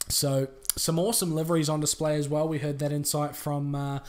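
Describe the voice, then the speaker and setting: Kiwi man, sim race commentator, slightly high voice, chatty with lots of ums. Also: brisk. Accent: New Zealand. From New Zealand. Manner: chatty, filler-heavy, relaxed.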